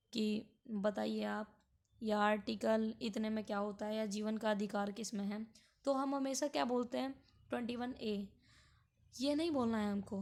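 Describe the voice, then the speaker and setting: Woman teacher going over exam stuff, kinda high voice, slow and repeats herself. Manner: slow, explanatory, repeats points for students. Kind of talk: exam-prep lecture.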